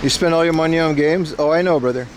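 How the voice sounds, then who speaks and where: A man with a fairly high voice and an American accent rambles casually to his livestream viewers. He is playful and slangy. Clear street noise and passing cars sit behind him outdoors. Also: fast talker. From Aruba. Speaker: livestream host. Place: outdoors in a rural Japanese town on a rainy day. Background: traffic and outdoor ambience.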